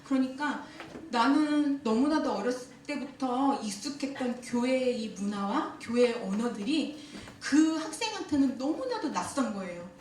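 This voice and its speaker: Female seminar speaker, high voice, lively and laughing, booming hall echo. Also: moderate pace. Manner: lively, questions the audience and laughs often. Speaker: speaker at a church teachers' seminar. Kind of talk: interactive seminar talk. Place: church hall. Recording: echoey hall, voice from far off.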